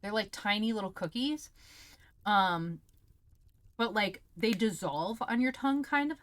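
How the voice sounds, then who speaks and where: Tasting snacks on her livestream, a woman keeps up casual, candid chatter full of exclamations and swearing. She speaks in an animated, unhurried mid-range voice, with no echo.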